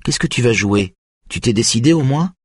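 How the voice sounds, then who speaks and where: Guy doing a nervous young violinist girl, pitched up, a bit husky, dry sound. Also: expressive, no room sound. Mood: anxious. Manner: higher, tense, quick-tempered. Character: young woman violinist, anxious and driven.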